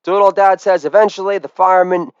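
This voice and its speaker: A man in his forties, a comedian, telling a comic story in a loud monologue with shouted catchphrases. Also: sits high, steady tone, fairly quick, smooth, no echo, muffled recording. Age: 40s.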